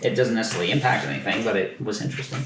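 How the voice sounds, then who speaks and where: A man running a tabletop game as game master, explaining the rules at a table with many pauses and fillers. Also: on the low side, expressive, far from the mic. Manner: halting, filler-heavy explaining. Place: room around a gaming table. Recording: echoey room with faint noise.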